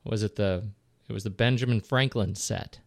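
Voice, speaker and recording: A man's voice: lowish voice, normal speed, creaky, no room sound, studio quality. A middle-aged man co-hosting a podcast, chatting about a film in a rambling, self-interrupting way. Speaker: podcast co-host. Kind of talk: casual film discussion.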